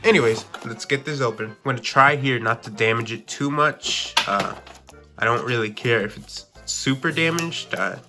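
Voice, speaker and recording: A man's voice: medium pitch, normal speed, music in the background. A man with a stuffy, congested voice from a cold, chatting casually through a toy unboxing review with lots of filler words.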